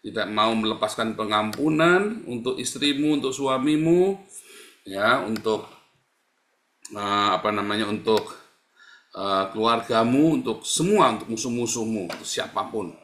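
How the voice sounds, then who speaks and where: A man's voice: on the low side, lively intonation, a little slow, a bit bright. A middle-aged man preaching a live-streamed sermon, repetitive and exhorting, who keeps calling his listeners "saudara". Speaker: pastor. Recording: echoey room.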